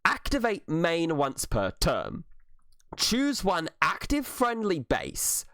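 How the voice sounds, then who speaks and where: A man's voice: on the high side, huge pitch swings, takes it slowly, fairly bright tone, no room sound, studio quality. A man reviewing new trading card game cards, talking through each card's stats and uses in an analytical way. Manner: analytical, with some filler restarts.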